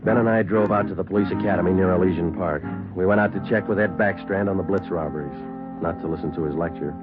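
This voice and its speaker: A man acts as a dogged American police sergeant in an old radio drama. His voice is very low, clipped and deadpan. It comes through a tinny, phone-like band. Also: fast, over music, lightly acted. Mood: deadpan, factual. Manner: clipped, deadpan, matter-of-fact. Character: terse, dogged male police sergeant narrating his case.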